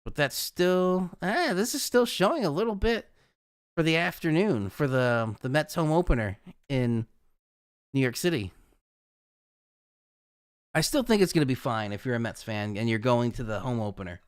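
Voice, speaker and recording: Chatty man with a lively voice. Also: mid-range voice, normal speed, smooth, dry recording, clean studio sound. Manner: chatty, rambling, laughs at his own jokes. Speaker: weather forecaster hosting a livestream. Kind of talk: casual live weather forecast chat.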